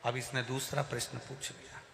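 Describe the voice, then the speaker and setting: A male preacher from Madhya Pradesh telling a devotional story in an animated way. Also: mid-range voice, moderate pace, gravelly. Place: large religious gathering. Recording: echoey hall, faint music.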